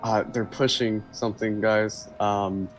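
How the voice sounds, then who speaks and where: A man's voice: fairly low pitch, little pitch movement, measured pace, soft background music, poor audio. A man chatting casually as a player in a tabletop roleplaying game.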